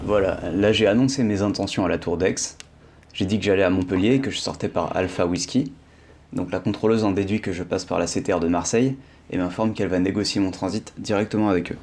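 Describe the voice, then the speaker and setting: A man's voice: deep voice, fairly even intonation, fast, darkish tone, a little hiss or hum. A man narrating a flight as its pilot, in an explanatory voice-over. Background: music.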